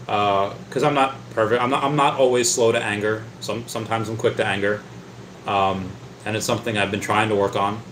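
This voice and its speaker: Reading viewer comments off his livestream chat, this medium-pitched man rambles on talkatively, stumbling and repeating himself often. The room echoes, and there's a bit of background noise.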